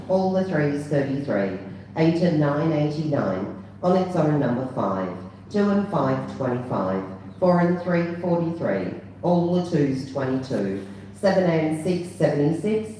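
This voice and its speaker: Low-voiced woman calling bingo, echoey hall. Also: warm tone. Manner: measured, formulaic sing-out of numbers with falling endings. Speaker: bingo caller. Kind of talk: bingo calling, numbers announced digit by digit. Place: large echoing bingo hall. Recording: echoey hall, distant PA sound, faint noise.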